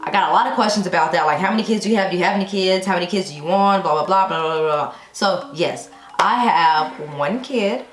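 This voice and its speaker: A low-pitched woman in her thirties from Texas, a YouTube vlogger, does a casual, chatty question-and-answer to camera. She talks briskly with few pauses, and the recording has a roomy echo with background music.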